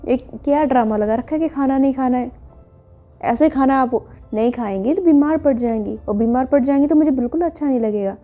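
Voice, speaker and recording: A woman's voice: high voice, fairly quick, dark tone, lightly acted. A woman voicing a caring young woman who scolds her partner firmly but fondly. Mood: scolding fondly. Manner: firm, scolding yet fond. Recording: dull lo-fi with faint music.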